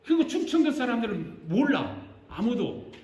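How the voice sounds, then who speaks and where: Lively older pastor in echoey church. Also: male voice, very high voice, normal speed, muffled recording. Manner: animated, joking, acts out congregation responses. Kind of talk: sermon. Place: church sanctuary.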